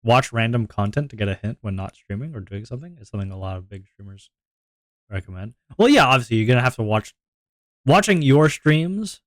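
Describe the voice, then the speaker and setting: A deep-voiced man streams to his viewers, chatting casually and rambling in a self-reflective way, often repeating his words. He talks a little fast with lively intonation, and there's no echo.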